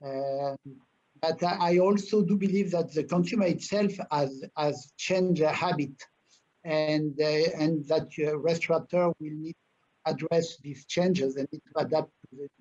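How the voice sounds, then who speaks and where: French-accented panelist, man, halting with lots of fillers, slightly high voice, dull call audio. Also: a little mellow. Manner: halting, many fillers and repeated words. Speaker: panelist, food industry investor. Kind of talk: webinar panel answer.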